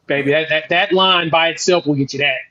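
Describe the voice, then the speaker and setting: A man's voice: a little high, brisk, over a noisy crowd. Hyped man on a dull remote line. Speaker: podcast guest. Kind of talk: casual sports chat.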